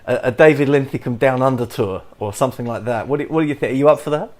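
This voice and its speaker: A man with an English accent hosting a podcast interview, talking haltingly with many restarts. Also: mid-range voice, a little mellow. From England. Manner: halting, many restarts and fillers, chuckles often. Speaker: podcast host.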